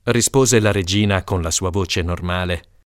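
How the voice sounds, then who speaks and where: A man narrating a comic folk tale in an animated storytelling manner. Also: deep voice, a little slow, smooth, no echo, studio quality. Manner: lively, animated storytelling with character voices.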